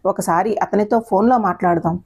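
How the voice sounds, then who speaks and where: A woman voicing a gentle older mother who speaks softly and tries to persuade in an audio story. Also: mid-range voice, fairly quick, slightly rough, close to an everyday voice. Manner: soft, coaxing.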